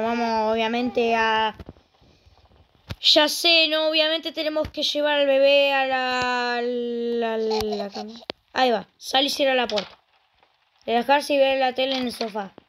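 A woman's voice: high voice, fairly even intonation, unhurried, fairly bright tone, a little hiss or hum. A woman with a Rioplatense Spanish accent, chatting casually through a let's play and exclaiming often. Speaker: gaming channel host.

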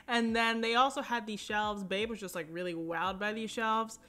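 A woman's voice: fairly high pitch, steady tone, unhurried, pushed and bright. A young woman narrating a casual home decor shopping vlog, chatty and upbeat, with plenty of fillers and little asides. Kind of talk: casual shop-with-me voice-over.

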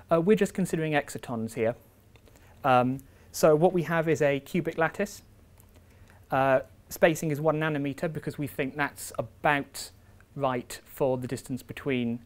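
A young man giving an academic seminar in a lecture room, explaining step by step with frequent ums and uhs. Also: medium pitch. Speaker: visiting researcher giving a seminar.

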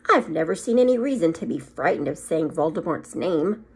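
Woman reading as a gentle old male wizard, slightly husky. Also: sits low, lively intonation, heavily acted. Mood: calm. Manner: gentle, unhurried.

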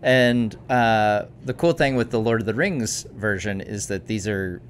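Lower-voiced host sharing book lore. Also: male voice, measured pace, a little hiss or hum. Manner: enthusiastic about book lore, thinks aloud. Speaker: channel host. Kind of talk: casual chat over a card game.

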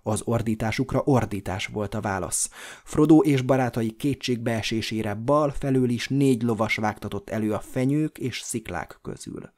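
Male audiobook narrator, mid-pitched voice, measured and dramatic reading. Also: darkish tone. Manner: measured, dramatic storytelling delivery. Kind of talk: scripted narration.

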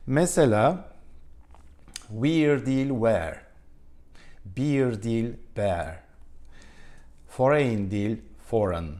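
Male teacher, low voice, patient explainer who poses questions to the learner. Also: a little mellow. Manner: explains step by step with rhetorical questions; slows down to model English pronunciation. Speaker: English teacher. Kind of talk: spoken lesson.

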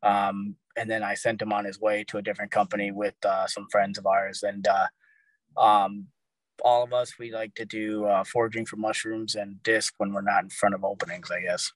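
A man's voice: lowish voice, level tone, moderate pace, no echo, low-quality recording. A man guesting on a casual show, easygoing and rambling, with many fillers. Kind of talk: casual interview chat.

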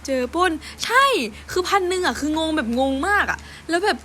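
A woman casually chatting on a livestream, telling stories in an animated, giggly way. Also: very high voice, brisk, slight background noise. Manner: animated storytelling, giggly, exclaiming. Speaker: idol livestream host.

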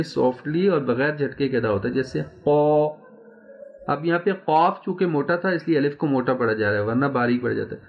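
A man with a fairly high, creaky voice teaches Quran recitation online, slowly stretching out each sound and frequently checking on his students with patience. The recording's high frequencies are cut off.

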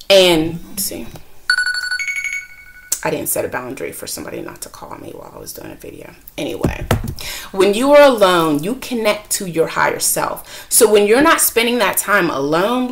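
A woman vlogger talks straight to her viewers in a candid, conversational way. Her voice sits a little on the low side, and she's expressive, slipping into other people's voices when she retells a moment. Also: a little hiss or hum. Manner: chatty, frank and expressive, acting out quoted voices. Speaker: self-help vlogger and mother. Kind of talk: candid talk to camera.

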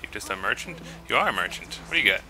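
A man's voice: fairly low pitch, very animated, racing, sharp tone, faint music behind, rough recording. A man giving casual, jokey let's play commentary, teasing the game and exclaiming as he goes. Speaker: gaming host. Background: video game sounds.

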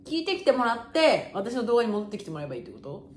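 Lively, chatty young woman in a roomy space. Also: on the high side, rapid-fire, a little hiss or hum. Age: 20s. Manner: chatty, slangy, excitable. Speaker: YouTuber. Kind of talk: casual chat while sharing songs.

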